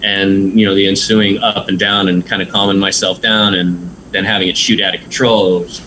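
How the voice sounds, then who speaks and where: Laid-back male tattoo artist, low voice, rambling and profane, slight background hiss. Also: flat delivery, fairly quick, bright, forceful tone, rough recording. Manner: laid-back, swears freely, rambling with many ums. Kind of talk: casual storytelling interview.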